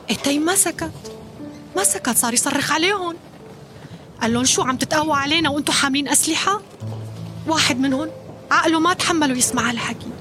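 A woman's voice: high-pitched, close to an everyday voice. A woman playing a grieving Syrian mother fleeing by boat, speaking in a Syrian Arabic accent in an audio drama.

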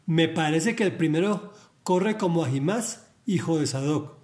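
Man voicing a city wall sentry, plain report, high voice. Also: animated, measured pace, a little mellow. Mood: alert.

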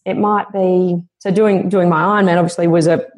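A woman's voice: fairly low pitch, steady tone, brisk, a little mellow. A woman guest on a podcast interview, speaking in an earnest, motivational and reflective way.

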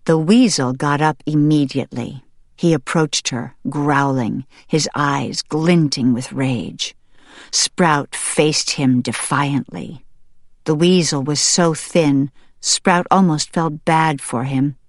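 Slow, low-voiced woman narrating a story. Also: dry recording, clean studio sound. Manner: measured, steady storytelling. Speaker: audiobook narrator. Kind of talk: scripted narration.

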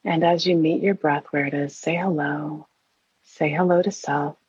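A woman leading a guided meditation in an airy, breathy, soothing and hushed voice, leaving long pauses. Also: sits low, steady tone. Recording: roomy, dull lo-fi sound.

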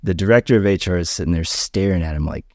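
A man's voice: sits low, quick pace, a little mellow, no room sound, studio quality. A middle-aged man, a podcast guest, casually telling a personal story and acting out the voices of the people in it. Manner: conversational, acts out quoted voices.

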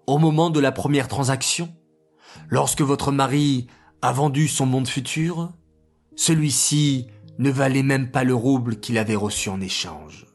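A storyteller voicing a wise old rabbi who explains slowly and solemnly. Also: medium pitch, faint music behind.

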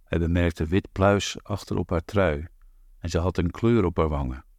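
Deep-voiced man, calm audiobook narrator. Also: moderate pace, dry recording, studio quality. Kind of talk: scripted narration.

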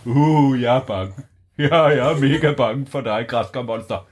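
Brief: man playing a cheeky teddy bear, teasing and mock-frightened, husky storyteller's voice. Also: mid-range voice, natural voice. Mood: mock-scared.

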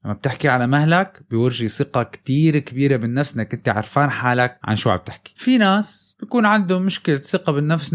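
A man with a Levantine accent giving casual motivational advice straight to his viewers, with energy and quick self-corrections. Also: mid-range voice. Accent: Levantine Arabic. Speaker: vlogger. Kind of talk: casual motivational talk to camera.

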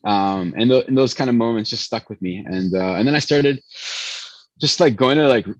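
A pastry chef born in Chicago and raised in Venezuela, whose first language was Spanish, tells long rambling stories in a casual interview, restarting often. His voice is medium-pitched at a normal pace, with no echo but lo-fi sound.

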